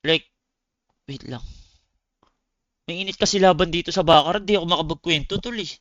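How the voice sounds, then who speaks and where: A competitive esports player and game streamer from the Philippines talks to his livestream viewers in a casual, blunt style, swearing, using slang and calling them buddies. His Filipino-accented voice is a little high and a bit bright, and he speaks fairly quickly. The audio is dull, with no echo.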